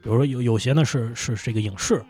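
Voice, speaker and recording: A man's voice: medium pitch, fast, soft background music. A man guest on a podcast talking casually and animatedly about running a comedy company. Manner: animated, laughs and swears when excited. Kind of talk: casual conversational interview. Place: indoor studio.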